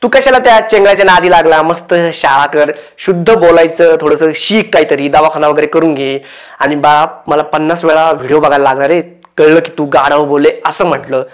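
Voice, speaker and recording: A man's voice: on the high side, brisk. A man hosting a comic roast, teasing and mocking the people in the clips he reacts to. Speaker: roast host.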